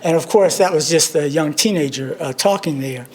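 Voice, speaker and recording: A man's voice: fairly high pitch, moderate pace. A man, giving a memorial tribute speech. He tells humorous, self-deprecating stories. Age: 60s. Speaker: alumnus speaker at a memorial service.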